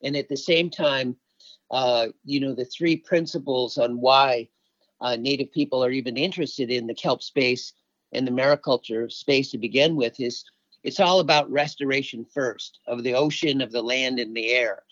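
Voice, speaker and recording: Speaking at a normal speed with a medium pitch and fairly bright tone, a middle-aged man from Alaska, United States, gives relaxed answers as an environmental activist being interviewed. There's no echo; the lo-fi sound is dry and a little dull.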